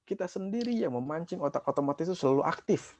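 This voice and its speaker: Gravelly-voiced male psychologist on a webinar. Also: a little high, lively intonation, quick pace, a little mellow, no room sound. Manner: conversational, rhetorical questions, many fillers. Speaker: psychologist speaker. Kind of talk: webinar explanation. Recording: dull dry webinar audio.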